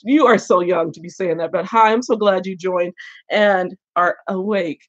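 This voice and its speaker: A woman's voice: fairly low pitch, normal speed, muffled recording. An older woman hosting a casual book live stream with a head cold, chatty and laughing often as she greets viewers. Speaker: booktube host.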